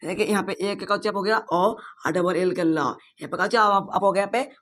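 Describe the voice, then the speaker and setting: A man's voice: high-pitched, brisk, a bit bright. A man teaching English pronunciation in an online lesson. He keeps asking his own questions and then answering them, and often checks with "theek na". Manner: ends phrases with a checking "theek na".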